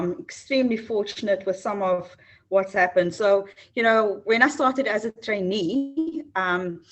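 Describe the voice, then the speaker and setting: A South African woman, an HR executive, answering interview questions earnestly with frequent ums and restarts. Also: mid-range voice. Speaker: HR executive, guest.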